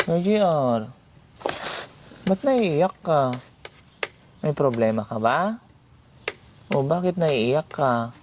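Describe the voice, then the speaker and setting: A man hosting a vlog, gently asking question after question. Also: medium pitch. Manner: gentle, repetitive coaxing questions. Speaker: vlogger host. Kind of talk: casual vlog chat, coaxing questions. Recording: noisy background.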